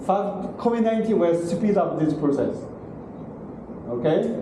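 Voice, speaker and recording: Speaking in broken English with a high, expressive voice, a middle-aged man delivers an unhurried university lecture, often checking in with "okay?" or "right?". The large classroom is very echoey, and the distant room camera makes the audio noisy.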